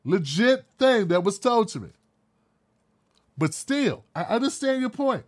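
Heated, blunt man ranting, high-pitched. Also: big pitch swings, a little slow. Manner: blunt, heated, profane ranting with mocking put-on voices. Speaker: commentary show host. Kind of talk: casual opinion monologue.

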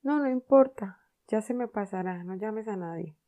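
A woman's voice: medium pitch, moderate pace, mellow, muffled recording, pitched above the performer's own voice, close to an everyday voice. A woman voicing a young schoolboy who fakes being sick, whiny and plaintive. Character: young schoolboy faking illness, melodramatic.

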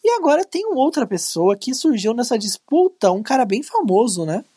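A Brazilian woman co-hosting a talk show, presenting news items in a conversational way with quick asides. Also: on the high side, sing-song, dark tone, husky, no echo, studio quality. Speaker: co-host. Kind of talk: casual news commentary.

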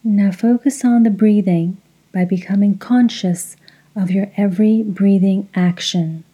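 Female meditation guide, very soft and dark tone, breathy, measured instructional delivery. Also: medium pitch, steady tone. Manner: measured, instructional, pausing between short phrases. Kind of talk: slow guided meditation with recitation.

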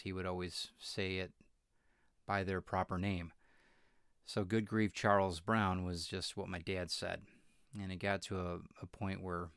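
A middle-aged man hosting a solo podcast, talking reflectively, pausing often with fillers and restarts. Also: low voice, clear, resonant tone, dry recording, clean studio sound. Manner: halting, with many fillers and restarts. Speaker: podcast host.

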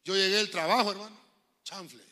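A middle-aged man with a Honduran Spanish accent, preaching a lively sermon, telling jokes and stories and acting out voices. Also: high-pitched, fairly quick. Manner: joking, storytelling preacher, acts out voices. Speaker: pastor.

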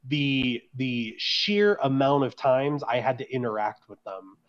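A man's voice: mid-range voice, unhurried. Rambling man with a dull, lo-fi sound. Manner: rambling, many fillers and restarts. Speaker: podcast guest, author. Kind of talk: casual podcast chat.

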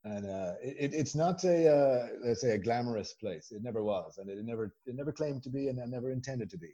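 A man with a west of Ireland accent, telling stories as a chatty, animated guest in a casual conversation. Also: mid-range voice, a little fast, lo-fi sound. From Galway, west of Ireland. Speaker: podcast guest.

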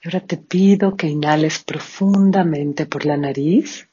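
A yoga instructor leading a guided breathing meditation, giving calm, soft-spoken instructions and counting out breaths. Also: mid-range voice, unhurried, husky. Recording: dull lo-fi recording.

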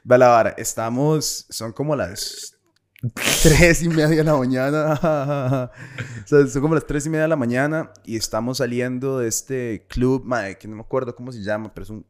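A young Costa Rican man, a podcast co-host, telling a story in a casual, animated, slangy way and laughing often. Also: mid-range voice, moderate pace.

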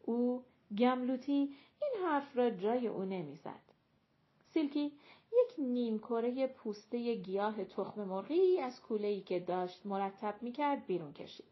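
Lady reading an audiobook, kinda high voice, even and clear, muffled lo-fi sound. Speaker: audiobook narrator. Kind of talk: audiobook narration.

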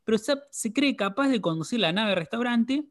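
A man's voice: very high-pitched, animated, a little fast. A man with a Rioplatense Spanish accent, co-hosting a podcast and summarizing an episode in casual chat. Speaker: podcast co-host.

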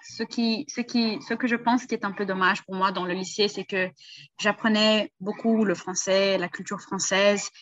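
A woman interviewing a guest in a calm, agreeable and measured way during a casual conversation. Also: mid-range voice, muffled recording.

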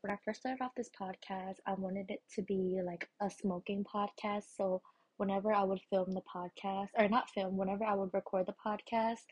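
A woman hosting a casual solo podcast, sounding stoned and scattered, with a husky, slightly breathy voice. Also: mid-range voice, level tone, moderate pace. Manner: stoned, giggly and scattered, losing her thread. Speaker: podcast host.

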